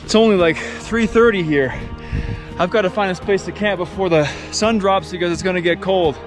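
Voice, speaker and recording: An excited man with a somewhat high voice talks to his camera as he explores a ruin. He keeps urging the viewer to look and wonders aloud at each find. He sounds a little out of breath, recorded outdoors on a camera mic. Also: normal speed, over music. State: slightly out of breath. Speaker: adventure vlogger. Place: outdoors at a hilltop castle ruin.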